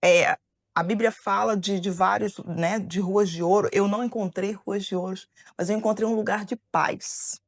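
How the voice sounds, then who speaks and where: A woman from Brazil giving an emotional, halting personal testimony for a documentary. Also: mid-range voice, fairly even intonation. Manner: emotional, halting, reenacting what was said. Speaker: documentary interviewee.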